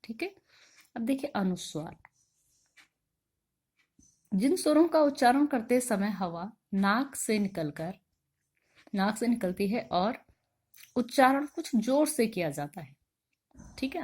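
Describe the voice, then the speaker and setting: A woman's voice: fairly high pitch, darkish tone, slightly rough. A woman teacher giving a classroom grammar lesson, explaining step by step and asking questions that she then answers herself. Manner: drawn-out, carefully spoken examples. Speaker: school teacher.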